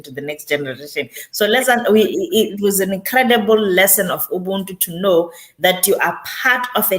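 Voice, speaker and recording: A woman's voice: mid-range voice, fairly bright tone. A woman guest, a community developer and author, talking reflectively in an interview and driving points home by repeating phrases. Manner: emphatic, repeats phrases for weight.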